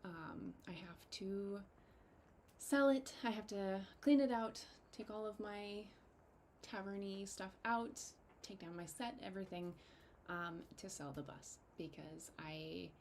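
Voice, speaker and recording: A young woman chatting to her viewers in a casual personal update, heartfelt and grateful, halting with many ums and getting emotional. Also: fairly low pitch, gravelly, a little mellow, slight background noise. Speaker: fantasy photographer and content creator.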